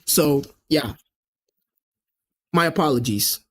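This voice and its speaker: Excitable man hosting a football watch-along. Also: takes it slowly, slightly rough. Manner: chatty, jumping up in pitch at chances on goal. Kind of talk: casual live match commentary to a chat.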